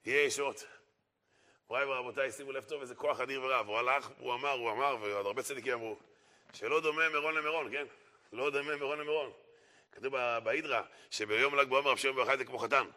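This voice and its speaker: A man's voice: mid-range voice, bright, forceful tone. A man giving a storytelling sermon, stressing points by repeating phrases emphatically. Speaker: preacher.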